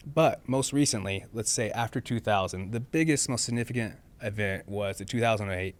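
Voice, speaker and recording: Fast-talking man, emphatic physician. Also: on the low side. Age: 40s. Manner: emphatic, peppers speech with "okay?". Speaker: podcast guest, family physician. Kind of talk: casual interview talk.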